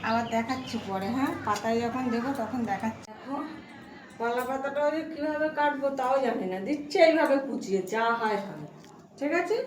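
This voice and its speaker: Casting: woman, highish voice, chatty homely cooking vlogger, recorded in an echoing room with kitchen noise. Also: fairly quick. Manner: chatty, homely, asking viewers small questions. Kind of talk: casual cooking vlog chat. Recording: echoey room, clear background noise, kitchen clatter.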